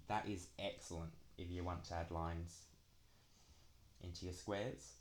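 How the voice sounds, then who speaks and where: A man's voice: deep voice, a little hiss or hum. A young man chatting casually through a craft walkthrough, dragging out his s sounds. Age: young adult. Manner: drags out the s sounds. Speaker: craft planner vlogger.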